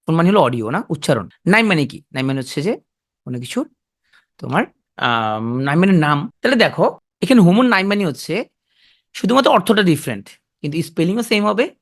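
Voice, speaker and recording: A man teaching a literature class in a conversational way, often asking students quick check questions. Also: fairly high pitch. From Bangladesh. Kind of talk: exam-prep literature lecture.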